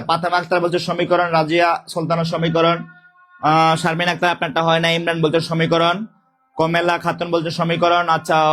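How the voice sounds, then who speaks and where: Soft-spoken male teacher with a sore throat. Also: on the high side. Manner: repetitive, calls out student names and drills questions. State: sore throat, speaking softly. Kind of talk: live online exam-prep class.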